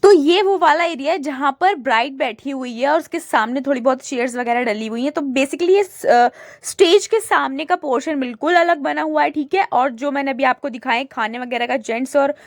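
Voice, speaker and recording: A woman's voice: sits high, brisk, dry recording, studio quality, a faint crowd. A young woman vlogging in a chatty, casual way, talking viewers through what she is showing them. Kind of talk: casual vlog narration.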